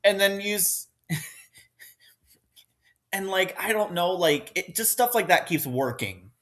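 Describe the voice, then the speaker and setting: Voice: mid-range voice, slow. A podcast co-host chatting casually with friends and acting out characters' lines. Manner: animated, acts out characters' lines. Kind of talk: casual banter.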